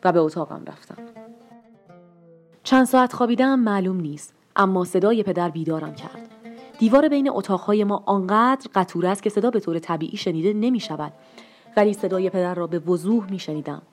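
A woman narrating a short story in a calm, even storytelling manner. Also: mid-range voice, faint music behind. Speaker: story reader.

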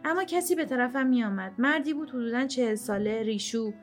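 A woman narrating a short story for an audiobook in a steady, expressive storytelling manner. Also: fairly high pitch. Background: soft instrumental music.

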